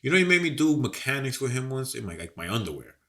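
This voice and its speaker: Lively bright-voiced man telling a profane story. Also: mid-range voice, fast. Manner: animated, profane, rambling. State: sick with a cold. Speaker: podcast co-host. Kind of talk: casual storytelling chat.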